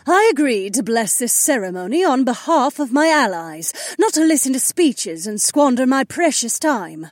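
A man's voice: very high-pitched, sing-song, normal speed, hardly any pauses, no echo, studio quality, voice pushed up. A man voicing a haughty female goddess who speaks in a cold, disdainful, imperious way. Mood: icy disdain.

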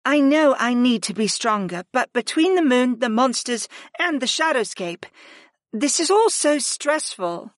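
Hushed, fretful young woman, voiced by a male narrator, high-pitched. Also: very animated, a little slow, dry recording, clean studio sound, full character voice. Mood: worried. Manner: hushed, worried.

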